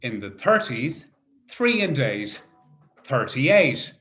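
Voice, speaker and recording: A man working as a bingo caller, calling out numbers in set phrases and repeating each in a measured, sing-song way. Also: mid-range voice, very animated, fairly bright tone, faint music behind.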